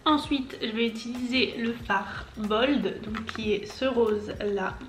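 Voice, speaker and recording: A young woman in her twenties talks through a makeup tutorial in a casual, chatty way, narrating each step as she works. Her voice sits a little high. The room is echoey, with soft music playing underneath. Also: slow pace. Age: 20s. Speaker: makeup vlogger.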